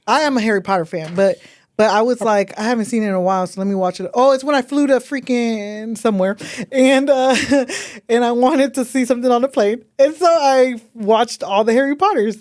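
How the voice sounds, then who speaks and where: Woman, podcast co-host, from the US West Coast, chewing gum, blunt, cussing, quick to laugh. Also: on the high side, a little mellow. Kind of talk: casual podcast chat.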